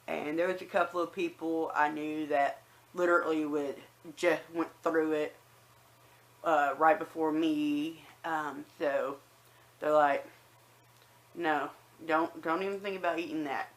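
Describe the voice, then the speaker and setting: A personal vlogger tells viewers a story from her life in a casual, conversational way, acting out remarks she remembers. Her voice is deep, steady in tone, and measured in pace, with a slight whistle on some words.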